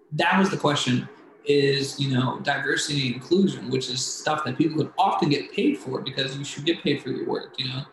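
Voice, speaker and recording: A man's voice: medium pitch, fairly bright tone. A man co-hosting a podcast in a casual, playful and rambling way. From Philadelphia area. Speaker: podcast co-host. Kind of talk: casual chat. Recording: roomy echo with faint background hiss.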